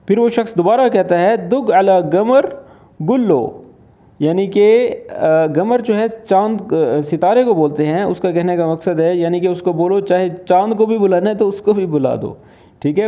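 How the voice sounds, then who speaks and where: A man from Pakistan teaching, patiently explaining and translating spoken phrases. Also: high voice. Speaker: Arabic teacher. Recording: phone-like lo-fi voice.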